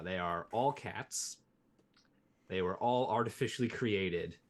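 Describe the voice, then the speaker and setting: A man's voice: fairly low pitch, slight background noise. A man running a tabletop game as game master, playful and teasing, laughing often.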